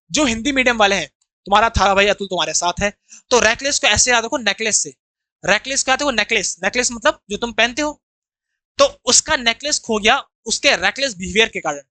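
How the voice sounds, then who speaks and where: Indian man teaching vocabulary, bright voice, dry close sound, has students repeat words. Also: very high-pitched, no room sound. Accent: Indian English. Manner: explains terms, has students repeat after him. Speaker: English teacher. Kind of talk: online vocabulary lesson.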